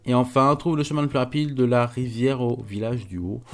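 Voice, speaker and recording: A man's voice: mid-range voice, fairly even intonation, a little fast, faint music behind. A man giving casual let's-play commentary, chatty and stumbling, reading game text aloud and swearing lightly. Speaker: gaming YouTuber.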